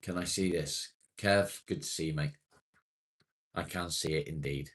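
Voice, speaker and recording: A man's voice: very deep voice, a little slow, fairly bright tone, breathy edge. A man in his late forties hosting a casual livestream, chatting matily with viewers and swearing now and then. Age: 40s. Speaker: livestream host. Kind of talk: casual live chat reading viewer comments.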